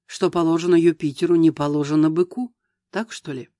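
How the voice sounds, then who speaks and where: Male reader as a defiant young wife, calm quiet cool tone, storybook, fairly high voice. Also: fairly quick, no echo, studio quality, natural voice.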